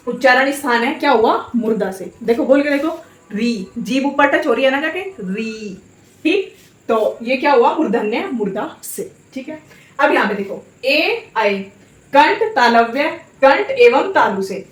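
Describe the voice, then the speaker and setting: A woman teaching a Hindi lesson, repeating vowel sounds aloud and asking her students quick checking questions. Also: high voice, echoey room. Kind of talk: classroom lesson on vowel articulation.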